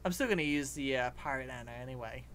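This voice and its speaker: A man chatting excitedly as he opens loot boxes in a game, with frequent delighted exclamations and chuckles. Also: mid-range voice, fast, heavy background noise. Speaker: gaming video creator. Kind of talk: live commentary on opening game loot boxes. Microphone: desktop computer microphone. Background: loud game music.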